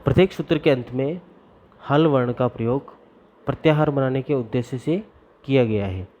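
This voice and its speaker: A man teaching Sanskrit grammar, reciting the formulas slowly and deliberately and explaining where each sound is made in the mouth. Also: medium pitch, warm tone, a little hiss or hum. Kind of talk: classroom lesson. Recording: dull lo-fi recording.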